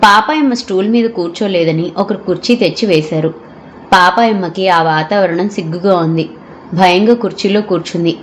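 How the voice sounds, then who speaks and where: A woman narrating an audio novel in a steady storytelling manner. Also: on the low side, a little hiss or hum.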